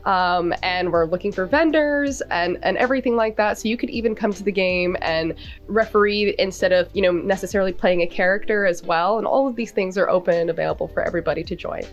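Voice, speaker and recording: A woman is speaking as a guest in a casual video-call interview. She is friendly and talkative. She sprinkles her speech with "like" and "you know" at a middling pitch. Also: fast talker, muffled recording, faint music behind. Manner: chatty, filler-heavy, friendly. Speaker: PR ambassador of an event team.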